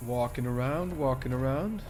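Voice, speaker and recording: Over soft background music, a man with a cold sniffles and muses aloud as he casually comments on the game he's streaming in a let's-play. His medium-pitched voice is a little mellow and unhurried.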